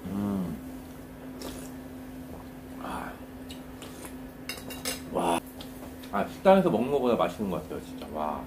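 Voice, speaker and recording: A man's voice: sits low, huge pitch swings, slow pace, pauses often, background noise. A man eating on camera with his mouth full, chewing, and exclaiming over the food between bites. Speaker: food vlogger. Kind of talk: casual eating show.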